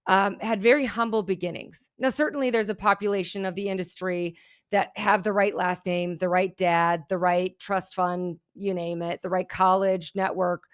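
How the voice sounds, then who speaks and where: Her mid-range voice holds a steady tone at a moderate pace. A middle-aged keynote speaker and entrepreneur from Germany, German by birth and native tongue, she shares her story with energy and frankness as a podcast interview guest.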